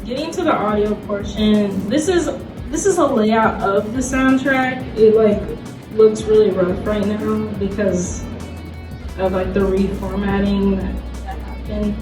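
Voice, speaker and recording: Presenting informally on a panel, a woman talks in a loose, chatty way, dropping "like" often and laughing a little. Her mid-range voice is a little slow. Loud music plays behind her, picked up by a distant, roomy microphone.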